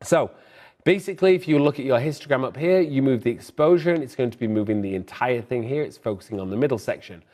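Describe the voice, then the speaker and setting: A man's voice: medium pitch, darkish tone. Young guy rattling thru a photo editing tutorial, kinda out of breath, upbeat, medium voice. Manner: brisk, upbeat, opinionated tips. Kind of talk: fast screen-recorded software tutorial.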